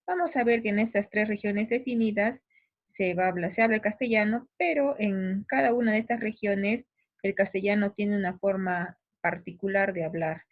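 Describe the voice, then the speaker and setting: A woman's voice: medium pitch, normal speed. Patient Peruvian woman teacher, tinny audio. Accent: Peruvian provincial Spanish. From Peru. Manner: patient, explanatory, often restarts and addresses students directly. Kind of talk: recorded class explanation.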